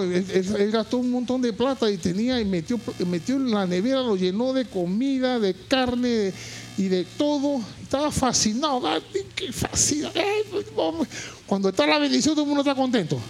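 A man preaching a sermon, moving from quiet storytelling to shouted, impassioned high points and repeating phrases for emphasis. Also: moderate pace, a little hiss or hum. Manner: repeats words and phrases while telling a story.

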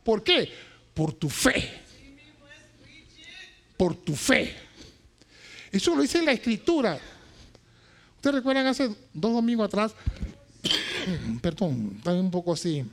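A pastor preaching with fervor, his voice high and gravelly, and sharp in tone. He swoops widely in pitch, bursting into shouts and falling back to hushed asides, and he hammers home phrases by repeating them. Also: sing-song, takes it slowly, pauses often. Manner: swings between shouting and quiet asides. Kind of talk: impassioned sermon.

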